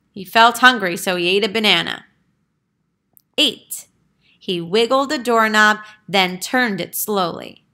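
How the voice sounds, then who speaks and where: A woman reads a picture book aloud to young children in a deliberate, emphatic teacher's manner. Her voice is medium-pitched with a sharp tone.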